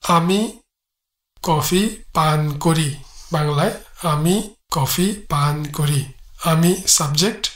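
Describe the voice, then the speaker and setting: A man giving a read-aloud grammar lesson. He talks in a measured way and spells out sounds one by one. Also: fairly high pitch, fairly even intonation, a bit bright, reverberant. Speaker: language teacher.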